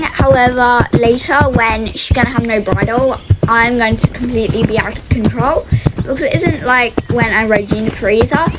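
A young woman vlogs while riding a horse in a game, giving chatty commentary full of fillers and coaxing her horse along. Her voice is fairly high pitched, and the rough recording has loud noise behind it.

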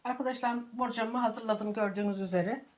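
A woman's voice: a little high, steady tone, fairly quick, a little mellow. Friendly middle-aged woman cooking at home. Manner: friendly, devout, talks to viewers as friends. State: slightly sick from a cold. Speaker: cooking channel host. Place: home kitchen in Germany.

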